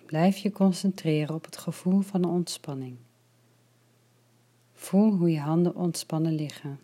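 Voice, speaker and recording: Soft-spoken woman guiding relaxation. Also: sits low. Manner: slow, soft and soothing, partly whispered. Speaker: relaxation guide. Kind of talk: guided relaxation meditation.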